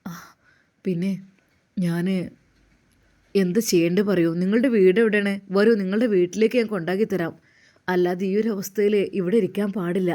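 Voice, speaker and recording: In a Malayalam-style storybook reading performed by a single woman narrator, she voices a kindly young male cleric in a lowered, gentle tone. He asks soft, concerned questions and remains calm and caring. The reading is lightly acted at normal speed, with frequent pauses.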